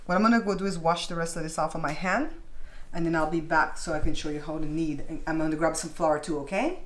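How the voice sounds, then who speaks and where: A woman's voice: low voice, fast. A woman chatting casually as she hosts a home baking tutorial, explaining step by step and checking in with viewers. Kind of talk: casual cooking tutorial chat. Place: indoors at a kitchen counter. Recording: clearly noisy home recording.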